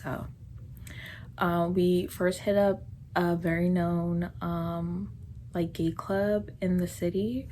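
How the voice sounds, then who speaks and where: A woman's voice: lowish voice, level tone, slow pace, dark tone, a little hiss or hum. A woman in her twenties casually telling a chatty, giggly story straight to her viewers. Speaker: storytime vlogger.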